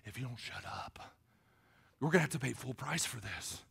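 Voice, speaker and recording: Give me a man playing a fed-up wife, hushed and scolding, with a bright edge. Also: medium pitch, animated, moderate pace, vocal fry, slightly rough, exaggerated voice. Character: exasperated wife hushing her husband.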